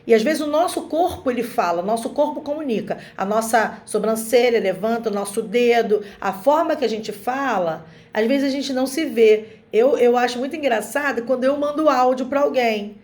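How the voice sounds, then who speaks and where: A woman's voice: a little high, normal speed, hardly any pauses. Woman acting out family dialogue. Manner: animated, acts out quoted family dialogue. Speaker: guest speaker and author. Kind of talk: casual online group talk.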